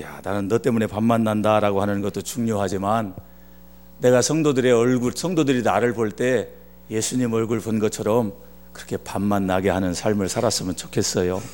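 Joking guest pastor from Chungcheong. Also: male voice, lowish voice, a little mellow. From Chungcheong, Korea. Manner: jokey, acts out dialogue in dialect. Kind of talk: humorous sermon storytelling.

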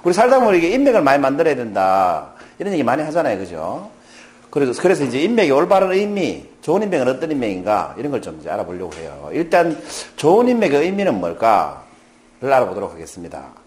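A man's voice: medium pitch, wildly swooping pitch, fast, darkish tone. A middle-aged man giving a lecture, playful and joking as he quizzes his audience. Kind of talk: lively lecture with audience questions.

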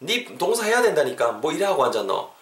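A man's voice: on the high side, big pitch swings, a little fast. A man doing a bossy Gyeongsang-dialect friend. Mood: scolding. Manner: blunt, scolding, teasing. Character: bossy blunt male friend nagging in dialect. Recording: roomy echo.

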